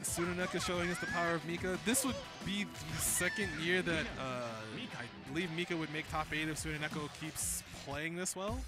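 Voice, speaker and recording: A man with a fairly high voice works as a fighting game announcer. He calls each move live in short, clipped phrases, while loud music plays behind him. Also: steady tone, a little fast, hardly any pauses. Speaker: fighting game tournament commentator.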